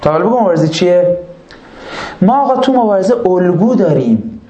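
A man's voice: high voice, expressive, mellow, muffled recording. A man giving a sermon, dramatically acting out both sides of imagined exchanges with his listeners. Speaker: preacher. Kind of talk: religious sermon with acted dialogues. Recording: echoey room.

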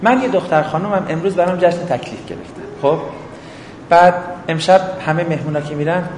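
A man's voice: on the high side, noisy background. A man giving a religious lecture, firing off rhetorical questions and acting out short everyday dialogues. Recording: echoey hall, faint ambience.

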